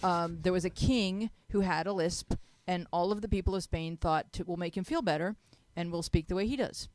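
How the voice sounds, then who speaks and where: A woman's voice: lowish voice, normal speed, darkish tone, dry recording. A middle-aged woman hosting a casual talk show, playful and jokey, speaking into a handheld mic in a small home studio. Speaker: host. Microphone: handheld mic, headphones on.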